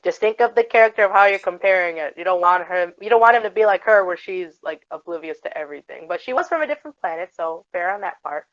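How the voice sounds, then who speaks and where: A fairly low-voiced woman chatting as a guest on a casual talk show, giggling often and letting her sentences fade away softly. The recording is dull and lo-fi, with no room sound. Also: lively intonation, quick pace, hardly any pauses, no room sound. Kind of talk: casual podcast chat.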